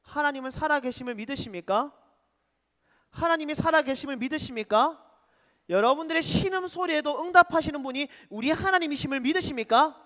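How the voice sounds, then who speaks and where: A man preaching a youth sermon, asking rhetorical questions and swinging between loud and hushed delivery. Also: extremely high pitch, animated, fairly quick, in a large hall. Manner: asks rhetorical questions, dramatic shifts in loudness. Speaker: preacher to teenagers. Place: church.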